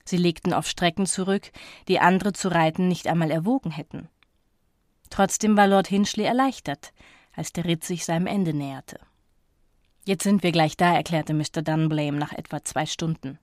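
A woman narrating a novel aloud in a steady, measured storytelling manner, recorded close in a studio. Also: lowish voice, dry recording. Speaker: audiobook narrator. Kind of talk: scripted narration.

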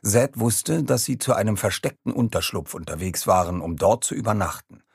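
A man's voice: fairly low pitch, lively intonation, normal speed, vocal fry, husky, no room sound, studio quality. A man reading a story aloud as a narrator, raising his voice for the characters' lines. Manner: reads dialogue in raised character voices. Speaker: audiobook narrator. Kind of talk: scripted narration.

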